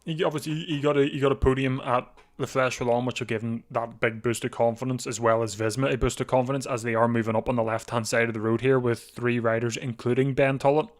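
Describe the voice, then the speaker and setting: A man from the UK, slightly hoarse, hosting a casual live watchalong at his desk, rambling, repeating words and clearing his throat. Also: mid-range voice, steady tone, fast, hardly any pauses. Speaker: live stream host.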